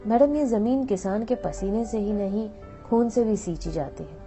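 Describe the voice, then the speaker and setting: A woman's voice: mid-range voice, normal speed, warm tone, natural voice. A woman voicing a friendly young male med student. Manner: chatty, teasing, then earnest. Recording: dull lo-fi audio with faint music.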